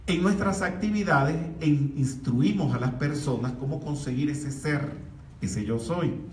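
A man's voice: a little high, measured pace. A middle-aged man giving a spiritual lecture to an audience, with the projected voice of a former opera singer and an emphatic delivery. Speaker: metaphysics lecturer. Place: lecture hall in Mexico. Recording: echoey hall, far from mic, faint hiss.

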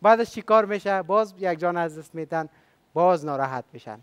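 A man's voice: high-pitched, expressive, clear, resonant tone. A man with an Afghan Dari accent hosting a game show, upbeat and chatty, coaxing the contestants with questions.

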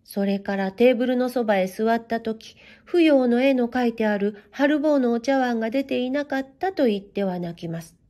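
Mellow, gentle woman storyteller. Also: a little high. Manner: gentle, measured storytelling in a warm, old-fashioned tone. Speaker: narrator reading a children's story. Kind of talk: scripted storybook narration.

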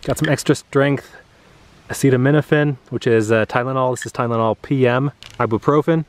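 A man in his thirties casually talking through the items he keeps in his car, with a relaxed, chatty delivery and frequent "uh" fillers, recorded outdoors in a grassy clearing. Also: medium pitch, brisk, no echo. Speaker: vlogger. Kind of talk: casual show-and-tell.

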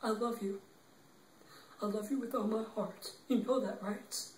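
A man's voice: high-pitched, fairly even intonation, a little hiss or hum. A man playing a tearful, tender boyfriend. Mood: grieving. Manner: halting, tearful, repetitive pleading. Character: young man tenderly consoling his grieving girlfriend. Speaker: actor in an improv demo reel. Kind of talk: improvised dramatic monologue. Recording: roomy, distant from the mic.

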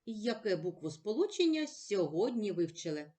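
A woman teacher giving a slow, clear reading lesson to children, stressing each word carefully. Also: mid-range voice, very animated, warm tone.

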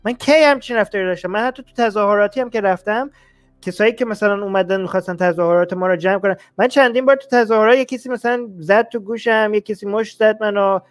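High-voiced argumentative male host. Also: clean tone, faint music behind. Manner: argumentative, rhetorical questions. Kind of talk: live stream chat with callers.

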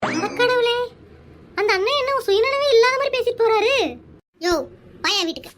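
A squeaky, very high-pitched cartoon housewife, voiced by a woman scolds. She nags sharply and quickly, shrill from start to finish. It is a village family comedy cartoon. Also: fairly bright tone. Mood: scolding. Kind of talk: animated cartoon dialogue.

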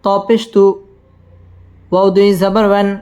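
A man's voice: high voice, flat delivery, measured pace, darkish tone. A man teaching Quran recitation, spelling verses out syllable by syllable and then chanting them melodically.

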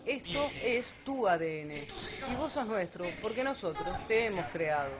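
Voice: medium pitch, expressive, unhurried. Explaining speaker over crowd noise. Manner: explanatory, rhetorical questions. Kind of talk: lecture on alien abduction.

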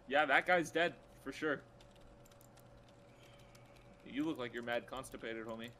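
A man's voice: medium pitch, measured pace, pushed and bright, slight background noise. A man chatting casually while playing a game, joking, swearing freely and laughing a lot, with game music behind. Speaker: let's play gamer. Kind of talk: casual gaming chat.

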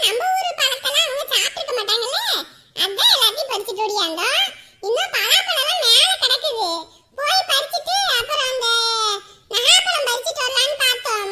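An actress playing a chatty, hospitable village auntie, who talks with a laugh. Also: female voice, extremely high pitch, expressive, a little fast, very noisy. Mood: chatty, fond. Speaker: neighbour auntie.

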